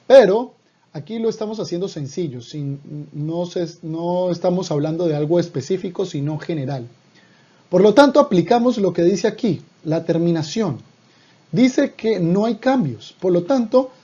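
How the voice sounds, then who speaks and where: A man's voice: sits high, warm tone, dull audio. A man teaching a Hebrew grammar lesson, patiently repeating and spelling out each example for the viewer.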